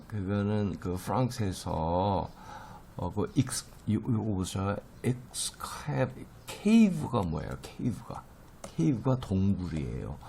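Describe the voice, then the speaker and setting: A man's voice: fairly low pitch, dark tone, a little hiss or hum. A middle-aged man teaching a recorded lecture, explaining terms patiently with many fillers and stressing English words strongly.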